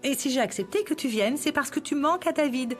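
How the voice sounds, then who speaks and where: An independent mother and estranged wife in a dubbed TV drama. She speaks firmly in a high voice over soft background music. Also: expressive, fairly quick. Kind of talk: dubbed television drama acting.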